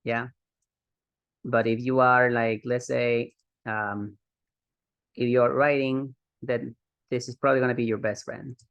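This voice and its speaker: A man's voice: mid-range voice, flat delivery, measured pace, long pauses, dry recording, muffled recording. A man teaching an online English grammar lesson in an upbeat way, repeating key words for emphasis.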